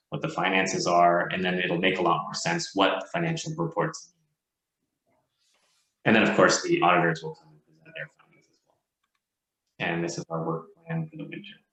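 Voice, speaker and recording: A man giving a manager's report at a meeting, speaking haltingly with many fillers while his video call audio cuts in and out. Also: low-pitched, fairly bright tone. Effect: video call audio cutting in and out. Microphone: computer on a video call. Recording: echoey room over a choppy video call.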